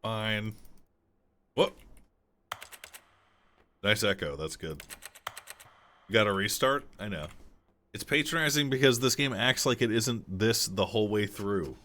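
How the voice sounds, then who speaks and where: A man's voice: fairly low pitch, expressive, a little slow, pauses often, pushed and bright, a little hiss or hum. A man streaming a video game, making crude, joking asides and rants to his chat. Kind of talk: casual game-stream commentary.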